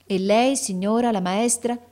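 A woman's voice: fairly high pitch, a little slow, pitched above the performer's own voice, lightly acted. A woman reading a story aloud, voicing an emotional, anxious father, a gardener who keeps exclaiming. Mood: tearful joy. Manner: emotional, exclaiming, rising to near shouts. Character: anxious, overjoyed working-class father, a gardener.

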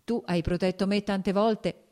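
Audiobook: woman voicing a smooth-talking married officer, measured and persuasive. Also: mid-range voice, fairly even intonation, warm tone, voice pushed up, close to an everyday voice.

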